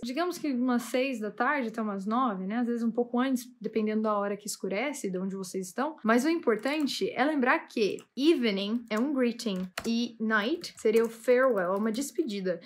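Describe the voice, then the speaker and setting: Lady teaching english, upbeat and lively, kinda high voice. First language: Portuguese. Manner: lively, enthusiastic, switches between languages. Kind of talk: bilingual English lesson.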